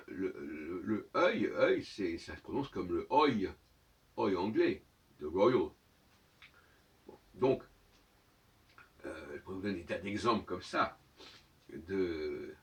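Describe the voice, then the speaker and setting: On his own channel, a man delivers a lecturing monologue in a professorial, argumentative style, pausing on fillers as he hunts for words. His pitch is fairly low and the mic sits at a distance.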